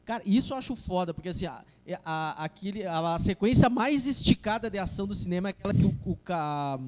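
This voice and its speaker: A man's voice: sits high, animated, quick pace, a little mellow. A man co-hosting a podcast, explaining film details in a chatty way, often restarting his sentences. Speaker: podcast co-host. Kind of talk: casual film discussion.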